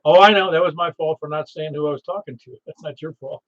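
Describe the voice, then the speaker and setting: A man with a slightly high voice hosts a casual ham radio net. He rambles in a chatty way, and the sound is a little dull. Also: fast. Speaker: amateur radio net host. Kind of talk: casual net hosting with call signs.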